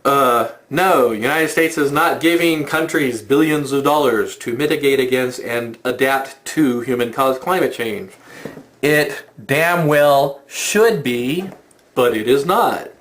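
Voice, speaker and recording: A man's voice: mid-range voice, slow, a bit bright. A man giving opinion commentary in a sarcastic, mocking manner.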